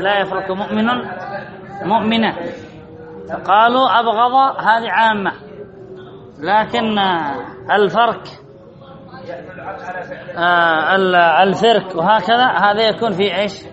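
A man's voice: high-pitched, normal speed, pauses often, dull audio, crowd noise. A man, a sheikh, teaching a classroom lesson, reading a phrase and then explaining it, repeating key words and putting questions to his students. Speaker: sheikh teaching Arabic morphology.

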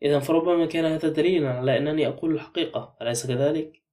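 A man voicing a sharp-tongued, wary man under suspicion, curt and sardonic. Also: on the high side, racing, far from the mic, lightly acted. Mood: defiant.

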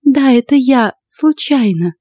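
A woman voicing a young blonde broom racer in an audiobook, in a high, chirpy voice with feigned innocence. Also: lively intonation, takes it slowly, dark tone, no room sound, heavily acted. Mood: flippant. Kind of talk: audiobook character voice.

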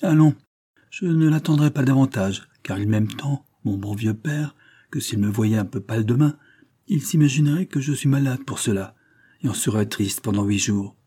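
A man reading aloud and voicing a lively, coaxing seventeen-year-old noblewoman in a raised, light tone. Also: medium pitch, moderate pace, husky, natural voice.

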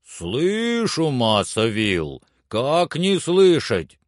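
A man reading aloud and voicing an older male servant who calls down from high up a tree in a plaintive, drawn-out way. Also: wildly swooping pitch, dry recording, clean studio sound, exaggerated voice.

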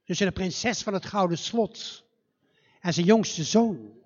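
A man telling a fairy tale live in a church, in a slow, dramatic and animated way. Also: high voice, muffled recording. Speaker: storyteller.

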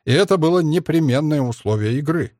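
A man voicing a calm, cunning male alien star dog, speaking in a measured, lecturing way in an audiobook. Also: on the high side, no echo, studio quality, voice pushed up. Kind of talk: audiobook character reading.

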